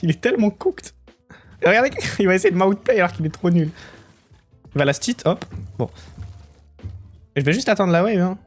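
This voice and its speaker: A young man talks his way through a game on a live stream, relaxed and chatty, then breaks into excited outbursts. His voice sits a touch higher than most men's. Faint music plays quietly under his talk. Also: moderate pace, long pauses. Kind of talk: casual live-stream commentary while gaming.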